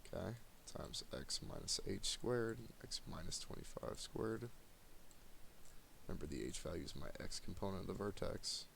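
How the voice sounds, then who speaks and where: A tired man teaching math to his students in a recorded lesson, speaking in a monotone and addressing the class directly. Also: low-pitched, normal speed, vocal fry, a little hiss or hum.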